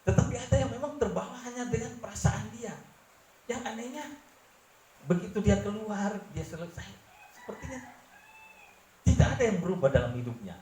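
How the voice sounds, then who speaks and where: A middle-aged man with a Manado accent preaching a sermon as pastor, dropping low to confide and rising to press his points. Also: animated, brisk, long pauses, mellow, slight background noise. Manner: earnest preaching, sweeping from low confiding tones to raised emphatic ones. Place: church hall. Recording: roomy church echo, faint ambience.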